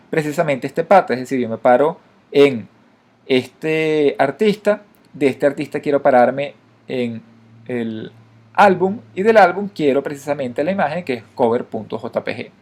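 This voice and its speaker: Male instructor, slightly high voice, patient step-by-step code walkthrough with hesitant fillers. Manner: explanatory, frequent fillers and restarts, addresses viewers directly. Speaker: programming instructor. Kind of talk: screen-recorded coding tutorial.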